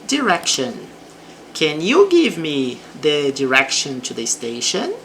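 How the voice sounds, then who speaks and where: A Brazilian woman teaches English in a slow explanatory lesson, her delivery unhurried and patient but her pitch lively. She reads English example sentences slowly, then explains them in Portuguese, speaking with a Brazilian Portuguese accent over slight background noise.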